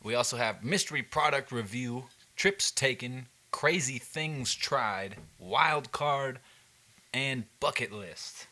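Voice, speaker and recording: A man co-hosting a casual podcast, upbeat and quick to hype up his friends. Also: mid-range voice, animated, pushed and bright. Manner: upbeat, hypes the others. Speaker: podcast co-host.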